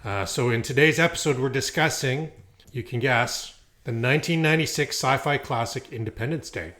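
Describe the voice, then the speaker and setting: A man's voice: mid-range voice, normal speed, pushed and bright. Middle-aged man hosting a podcast. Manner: upbeat, announcer-like reading with occasional fillers. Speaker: podcast host. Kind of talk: scripted podcast introduction.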